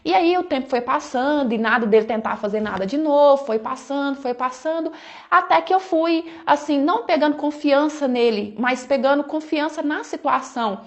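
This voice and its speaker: A woman's voice: high voice, moderate pace. A woman with a Brazilian Portuguese accent telling a personal story in a casual, chatty first-person storytime style, often tossing in conversational fillers. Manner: chatty, conversational, often adds "né" and "falou assim".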